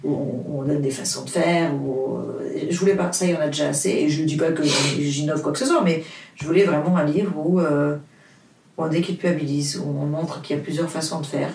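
A gravelly, darkish voice that sits low and stays steady belongs to an author from Portugal whose first language is Portuguese. She speaks briskly in a casual interview, and the sound is roomy and distant. She is earnest, hesitant and prone to fillers and restarts.

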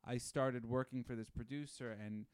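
A man's voice: medium pitch, normal speed, smooth, no room sound, studio quality. A man in his thirties, a guest telling stories in casual chat with lots of fillers. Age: 30s. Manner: animated storyteller with many fillers. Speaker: podcast guest.

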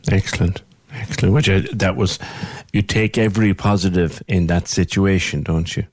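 A man's voice: low-pitched, steady tone, moderate pace, darkish tone, slightly rough, no echo. A man asking questions as an interviewer, in a sympathetic, understated conversational way.

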